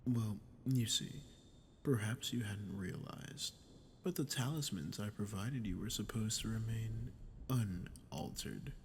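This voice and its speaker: In this ASMR audio roleplay, a man voices a smug, gravelly, low-pitched archdemon who sadistically toys with a captive ruler in a dramatic monologue to the listener. He sounds smug and knowing, mocking and condescending, taunting slowly with breathy drops. The tone is darkish, with slight background noise.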